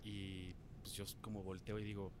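A young adult man with a Mexican Spanish accent, a podcast guest telling stories casually and acting out quotes with big jumps in pitch. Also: level tone, normal speed, background noise. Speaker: podcast guest, former reality show contestant. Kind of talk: casual storytelling.

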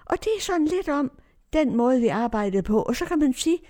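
A woman telling a personal story in a lively, anecdotal way, often quoting others as dialogue. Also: sits high. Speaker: churchgoer recounting neighbourhood life.

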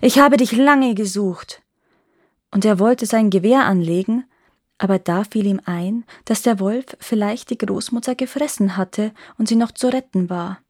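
Lady reading a fairy tale, calm clear storytelling, dry voice. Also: medium pitch, moderate pace, no echo.

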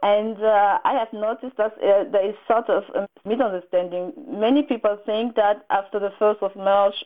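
A woman's voice: mid-range voice, fairly even intonation. Woman on a tinny phone line. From Cameroon. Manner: earnest, halting with restarts. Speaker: guest. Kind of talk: radio interview answers.

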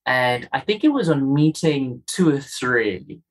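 Husky man with faint Kenyan accent. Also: mid-range voice, sing-song, measured pace, low-quality recording. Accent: faint Kenyan, polished. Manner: earnest, emphatic, repeats key phrases. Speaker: guest. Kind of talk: reflective interview talk.

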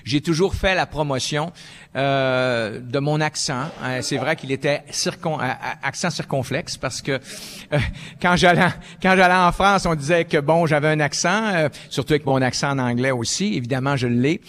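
An older man from Quebec with a Québécois accent, answering as a panelist in a halting way, with many fillers and frequent "ok"s. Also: on the high side, a bit bright. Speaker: panelist, former school principal.

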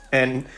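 A man's voice: very high voice, sharp tone. Laughing man telling a comedy story. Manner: laughing storyteller who acts out quotes. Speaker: comedian guest. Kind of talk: casual chat, telling a story.

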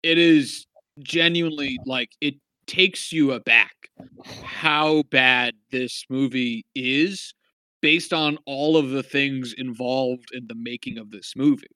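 A man's voice: mid-range voice, fairly even intonation, slow pace, sharp tone, clean tone, dry recording. A man co-hosting a casual film review chat, rambling with lots of fillers and wry asides. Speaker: podcast co-host.

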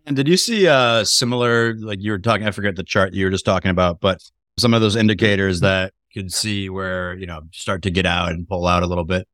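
A man's voice: sits low, a little fast, fairly bright tone, no room sound. A man hosting a casual investing discussion, asking loose, rambling questions full of hesitant fillers.

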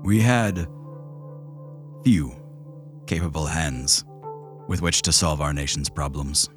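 A man as game master voicing a remorseful male leader, heard as a distant memory voice that draws closer, slow, grave and reflective. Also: very deep voice, a bit bright, faint music behind, exaggerated voice. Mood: somber. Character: remorseful male leader recalling a past decision. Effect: distant memory voice drawing closer.

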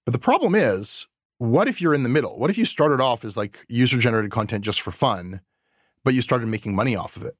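Man, podcast host, rambling casual chat, mid-pitched, dry close mic. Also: lively intonation, a little fast, no echo. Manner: rambling, chatty, many fillers.

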